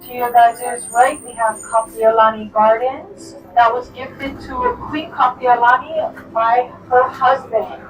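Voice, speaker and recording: A woman's voice: fairly high pitch, fairly even intonation, slow, hardly any pauses, soft background music. A woman guiding a trolley tour, giving riders friendly cautions and commentary on the moving trolley. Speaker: trolley driver and guide. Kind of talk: guided tour announcements. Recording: echoey, distant, noisy trolley recording.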